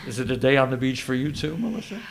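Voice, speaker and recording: A man's voice: medium pitch, big pitch swings, fast talker, a crowd in the background. A man hosting a broadcast interview, asking his guests questions in a formal, courteous way. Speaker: radio interview host.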